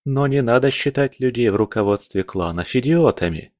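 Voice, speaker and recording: A man voicing a calm young male necromancer who lays out his arguments point by point in an audiobook. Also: mid-range voice, normal speed, dry recording, studio quality, pitched above the performer's own voice, lightly acted. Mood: calm, persuasive.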